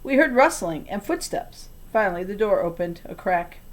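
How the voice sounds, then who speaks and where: Reading from a children's novel, a woman brings the story to life in an expressive way. Her pitch is mid-range and her pace is ordinary.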